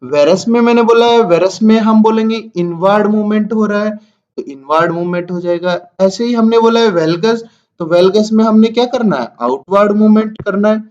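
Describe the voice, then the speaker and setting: A man's voice: high-pitched, normal speed, darkish tone, highs cut off. A man teaching nursing students over slides, who repeats each point and asks and answers his own questions.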